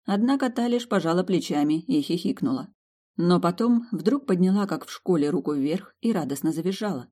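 Brief: woman audiobook narrator, lower voice, expressive delivery. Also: fairly quick.

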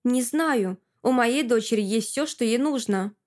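A woman reads a domineering man in an audiobook, slow and commanding, never raising the stakes in his tone. Each line lands curt and unbending. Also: a little high, a little mellow, lightly acted.

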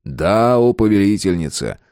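A man's voice: fairly low pitch, big pitch swings, normal speed, darkish tone, dry recording, clean studio sound. A man doing a joking young husband. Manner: joking, easygoing. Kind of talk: audiobook character voice.

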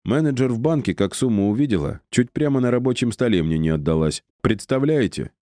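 A man's voice: mid-range voice, dry recording, clean studio sound, pitched above the performer's own voice, natural voice. Man doing a cheeky young clerk, raised voice, wheedling, talks his way out, audiobook. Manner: flattering, wheedling, quick to bargain. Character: cheeky young male office clerk, glib talker.

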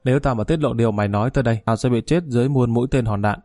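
A man's voice: mid-range voice, rapid-fire, dark tone, dry recording, clean studio sound, faint music behind, lightly acted. A man voicing a shrewd, bullying middle-aged male security chief who talks bluntly and gives orders. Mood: gruff.

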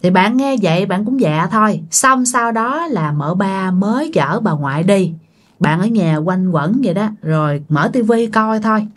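A woman's voice: mid-range voice, expressive, moderate pace. A woman telling a ghost story in a chatty, casual way, talking straight to her listeners. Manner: chatty, addresses listeners directly.

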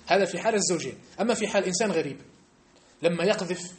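A man giving a mosque study-circle lesson, animated and emphatic, often checking that his listeners understand. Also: high-pitched, racing, a little hiss or hum. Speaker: religious teacher. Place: mosque hall.

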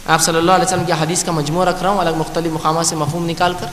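A man preaching a sermon, slowly reciting scripture and then explaining it with repeated phrases. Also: on the high side, flat delivery, a bit bright. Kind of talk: Urdu sermon with Quranic recitation. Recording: echoey hall with faint hiss.

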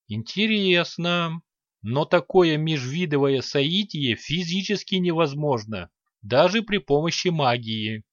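A man reading an audiobook, voicing a calm, naive male hermit sage who speaks slowly and with mild amusement. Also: fairly high pitch, dry recording. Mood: amused. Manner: calm, slow, mildly amused. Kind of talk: audiobook character voice. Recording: dull dry recording.

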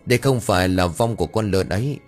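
A man's voice: sits low, expressive, quick pace, a little mellow, soft background music. A man voicing a stern, authoritative male ritual master who gives firm orders.

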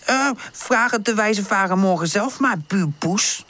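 Woman voicing a jittery little puppy boy, high childlike voice, lively lilt, storybook. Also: measured pace. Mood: nervous. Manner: worried, whispery and hesitant. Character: anxious little male puppy.

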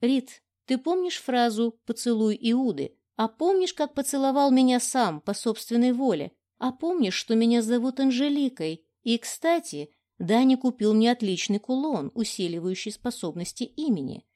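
A woman's voice: fairly high pitch, expressive, normal speed, hardly any pauses, warm tone, lightly acted. A woman reading as a defiant young heroine. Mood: triumphant. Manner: defiant, firm. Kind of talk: audiobook reading.

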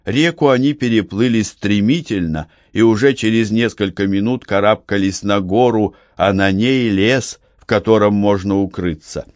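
A man reading an adventure novel aloud as an audiobook narrator, in a measured, steady way. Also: lowish voice, no room sound, clean studio sound. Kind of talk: scripted narration.

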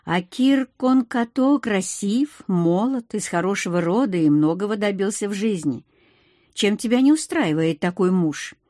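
A woman voicing a calm young female friend who patiently explains things in an audiobook. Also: medium pitch, measured pace, dry recording, clean studio sound, close to an everyday voice. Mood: puzzled. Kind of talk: audiobook reading.

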